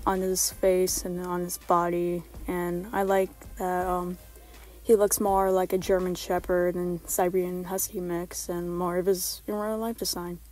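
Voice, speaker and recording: A woman with a raspy voice giving a casual, informal vlog voice-over about her art, rambling and hesitant as she goes. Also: medium pitch, dark tone. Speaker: artist presenting original character redesigns.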